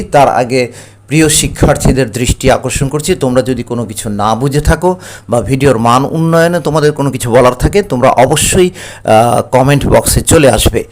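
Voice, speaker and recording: A man, an English teacher giving a recorded lesson. He explains step by step and reads each English phrase slowly. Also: medium pitch, darkish tone. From Bangladesh.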